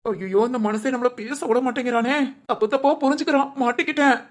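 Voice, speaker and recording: A woman's voice: fairly high pitch, fairly quick, natural voice. A woman voicing a timid, nervous young man who stammers and pleads in a cartoon. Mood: fretful. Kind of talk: cartoon voice acting.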